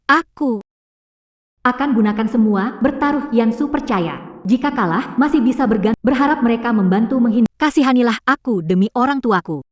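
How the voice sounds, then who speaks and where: Actress as high-voiced, desperate jilted woman. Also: moderate pace, no echo, dull audio, close to an everyday voice. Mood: desperate insistence. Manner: pleading, defiant, overwrought. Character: desperate, obsessive jilted young woman crashing a wedding. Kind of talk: dubbed melodrama acting.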